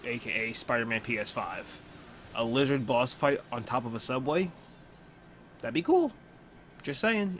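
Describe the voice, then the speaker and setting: A man's voice: mid-range voice, fairly bright tone, slight background noise. A young man hosting a watch-along, giving casual reaction commentary full of playful, joking asides.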